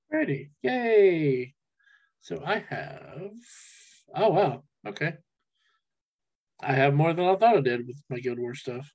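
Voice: medium pitch, expressive, drawn-out words, pauses often, darkish tone, breathy edge. A person chatting casually while gaming, heard over a speakerphone, often trailing off mid-sentence. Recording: dull lo-fi speakerphone sound.

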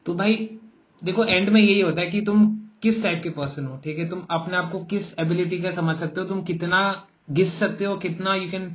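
Young male podcast co-host, Indian accent, very rapid slangy Hindi-English chat, roomy echo. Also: high voice, fairly bright tone. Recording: echoey room, dull lo-fi sound.

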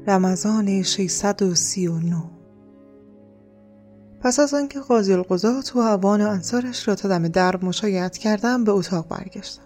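A woman narrating an audiobook in a soft, hushed reading voice. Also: mid-range voice.

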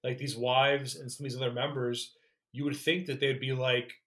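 Podcast cohost guy recapping a story, animated, swears some, mid pitch. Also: moderate pace. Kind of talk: casual chat, recapping a documentary.

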